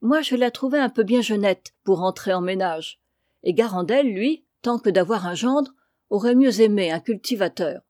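A woman's voice: medium pitch, animated, mellow, dry recording, studio quality, close to an everyday voice. A woman voicing a chatty old farm wife. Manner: brisk, talkative, exclaiming.

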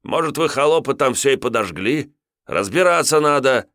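A man's voice: medium pitch, animated, normal speed, fairly bright tone, no room sound, studio quality, pitched above the performer's own voice. A man voicing a sly, scheming middle-aged male steward with a mocking manner.

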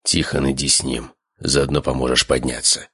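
A man's voice: very deep voice, fairly quick, creaky, bright, forceful tone, no echo, studio quality, heavily acted. A man voicing a stern, hot-tempered noble father who growls out orders. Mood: commanding. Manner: growling, commanding. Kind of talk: audiobook character voice.

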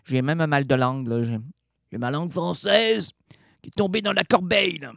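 A man's voice: a little high, normal speed, creaky, a bit bright, dry recording, clean studio sound. A man with a Québécois accent hosting a late-night radio show, rambling playfully and correcting himself as he goes. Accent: Québécois French. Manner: playful, digressive, constantly self-correcting. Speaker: radio host. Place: radio studio.

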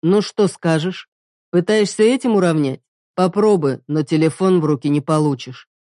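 A woman's voice: lowish voice, moderate pace, dark tone, no echo, clean studio sound, natural voice. A woman voicing a jealous, hostile husband who swears and makes curt demands.

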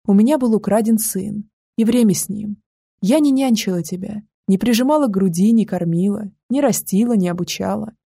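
A woman's voice: mid-range voice, brisk, creaky, husky, no echo, clean studio sound. Woman reading a grieving, pleading mother. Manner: soft, earnest pleading.

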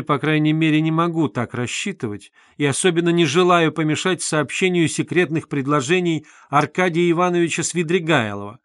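A man's voice: fairly high pitch, a bit bright, dry recording, clean studio sound. A man playing a haughty, spiteful middle-aged suitor who speaks sarcastically and ceremoniously in an audiobook.

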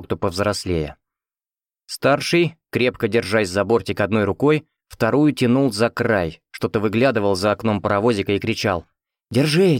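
A man's voice: on the low side, dry recording, studio quality. A man reading first-person fiction as an audiobook narrator, in a conversational, wry storytelling manner.

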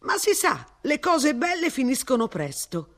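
A woman's voice: high voice, very animated, measured pace, a bit bright, voice pushed up, exaggerated voice. Woman playing a cheeky young man, Martin. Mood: breezy. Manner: breezy and chatty.

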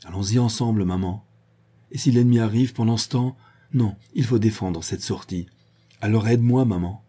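A man's voice: on the low side, normal speed, dark tone, husky. A man reading a novel aloud as an audiobook, narrating and giving the dialogue in one plain voice. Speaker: audiobook reader.

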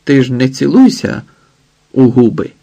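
A man reading the coaxing, measured lines of a fussy, controlling man. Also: medium pitch, big pitch swings, vocal fry, mellow.

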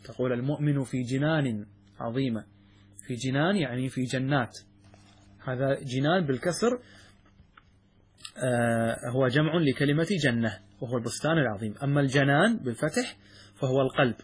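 Husky-voiced sheikh teaching a lesson. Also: male voice, medium pitch, fairly quick, long pauses. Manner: asks the students questions and answers them himself, repeats key words. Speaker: sheikh teaching a classical logic text. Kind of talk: classroom lesson explaining verses.

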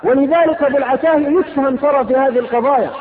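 Passionate preacher, rapid and scolding, recorded thin and phone-like in an echoing hall. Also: male voice, very high voice, some chatter behind. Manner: impassioned, rhetorical, scolding. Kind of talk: fiery sermon. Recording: lo-fi phone-like sound, long hall reverb.

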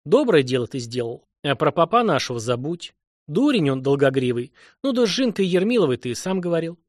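A man voicing a wise old male Cossack elder who speaks slowly and gravely, with heavy sighs. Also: a little high, big pitch swings, dry recording, studio quality. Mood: solemn. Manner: slow, grave, sighing.

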